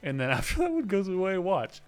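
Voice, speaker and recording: A man giving casual, excitable gameplay commentary, using slang and mild swearing and breaking into loud yelps at close calls. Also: sits high, brisk, soft background music. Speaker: gaming YouTuber.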